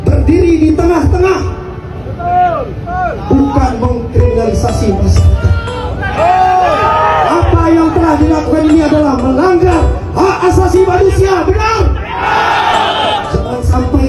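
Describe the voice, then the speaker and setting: Loud music and crowd noise surround a man delivering fiery revolutionary oratory. His voice is extremely high-pitched, impassioned and forceful, the delivery of a protest leader putting rhetorical questions to a rally. He is from Kalimantan, Indonesia. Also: expressive, moderate pace, long pauses, recorded from a distance. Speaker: protest leader, activist speaker. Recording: echoey loudspeaker from afar, loud music, crowd.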